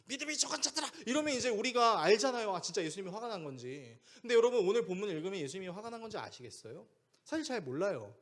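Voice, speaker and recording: A man's voice: big pitch swings, quick pace. A man preaching a sermon as pastor, speaking conversationally and asking the congregation questions. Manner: acts out quoted voices with big pitch swings.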